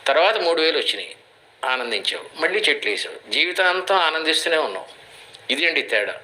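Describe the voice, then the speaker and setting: A man's voice: fairly high pitch, big pitch swings, fairly quick, sharp tone, a little hiss or hum, poor audio. An older man giving motivational advice in an interview, teaching through everyday parables. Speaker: guest speaker, life coach.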